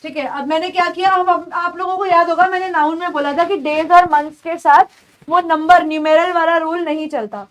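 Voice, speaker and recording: A young woman giving an English grammar lecture in Hindi, explaining rules step by step and saying the example sentences slowly. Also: extremely high pitch, fairly even intonation, a bit bright. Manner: explains step by step, calls students "beta"; spells out slow, drawn-out English examples. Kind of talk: online exam-prep lecture.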